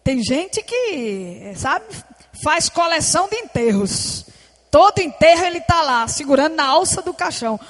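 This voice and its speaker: A woman pastor, preaching a passionate sermon at a church service. She often shouts and calls on the congregation to repeat her words. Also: sits high, sing-song, measured pace. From Northeast Brazil. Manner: impassioned preaching, often shouting, with call-and-response prompts to the congregation. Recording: long church hall reverb.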